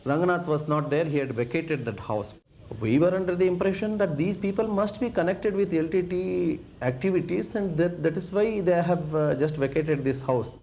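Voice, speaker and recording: An older man, a retired police officer recalling events in an interview, pausing with fillers. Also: on the high side, dark tone, a little hiss or hum, rough recording. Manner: hesitant, with filler pauses. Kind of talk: interview recollection.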